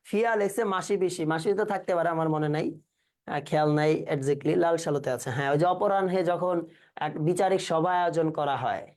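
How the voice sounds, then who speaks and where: A man teaching an exam-prep class, quizzing students and repeating their answers back in a casual way. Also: fairly high pitch.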